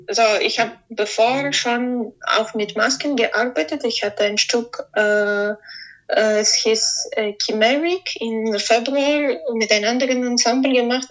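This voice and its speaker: Woman, composer being interviewed, slightly high voice, slow, hesitant, searches for words. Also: a bit bright, poor audio. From Ukraine. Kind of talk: interview answers.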